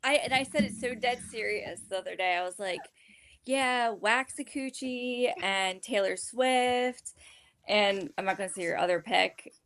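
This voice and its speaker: A woman's voice: mid-range voice, steady tone, a little fast, vocal fry, fairly bright tone. A woman co-hosting a music podcast, giggly and self-deprecating in casual chat. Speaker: podcast co-host.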